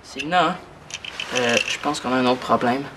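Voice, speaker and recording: A sarcastic Québécois young woman, loud hiss. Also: rumbling low, normal speed. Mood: defensive. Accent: Québécois French. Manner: sarcastic, teasing. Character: sarcastic young woman who teases her sister. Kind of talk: TV series acting.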